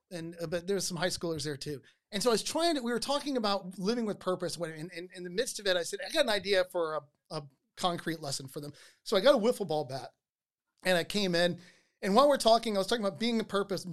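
This podcast host tells stories with animated energy and often stumbles through repeated words at the start of a sentence. The voice sits at a middle pitch and ranges widely as the story builds.

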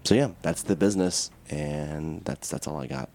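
A man's voice: rumbling low, normal speed, creaky, darkish tone, slight background noise. A man co-hosting a radio podcast in a casual, tongue-in-cheek, joking way. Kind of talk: casual, joking show announcements.

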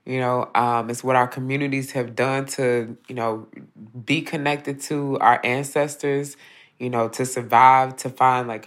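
A woman organizer explaining a concept in a thoughtful way, with many fillers as she goes. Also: a bass voice. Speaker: interviewee, organizer. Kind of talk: reflective explanation.

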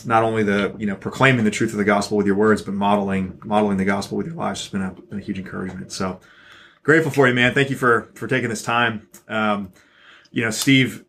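A man with a fairly low, slightly bright voice co-hosts a church podcast, chatting casually in a rambling, encouraging way with lots of fillers.

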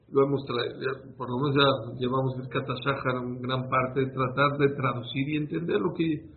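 A man giving an informal religious lesson to a small group, telling stories and answering questions as he goes. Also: medium pitch. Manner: conversational, storytelling, answers listeners' questions. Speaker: rabbi teaching a class. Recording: tinny phone-like sound with faint noise.

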